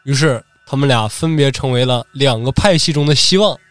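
A man, co-hosting and telling a story in a jokey, animated way. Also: medium pitch, fairly quick, no echo, faint music behind. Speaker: podcast co-host, storyteller. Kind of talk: comic storytelling.

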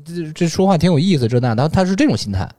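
A man's voice: on the high side, animated, fast talker, dark tone, no echo. A man, a podcaster chatting casually and colloquially, chipping in with short corrections.

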